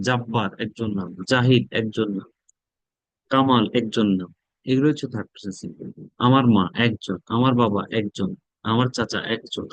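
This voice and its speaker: A man's voice: medium pitch, no room sound, low-quality recording. A man with a Bangladeshi accent teaching a spoken English class. He drills words aloud and repeats them. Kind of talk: classroom lesson.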